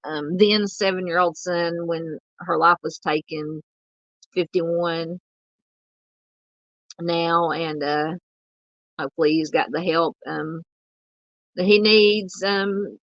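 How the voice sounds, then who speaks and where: A woman from the American South hosting a true crime livestream, talking casually and haltingly with lots of ums and uhs while she reads chat. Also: low-pitched, fairly bright tone, no echo, muffled recording.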